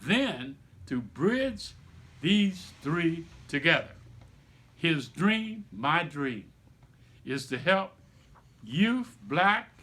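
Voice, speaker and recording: A middle-aged author reads his own children's book aloud like a storyteller, with emphatic, deliberate phrasing and explanatory asides to listeners. His voice is on the high side and sharp, with big swings in pitch.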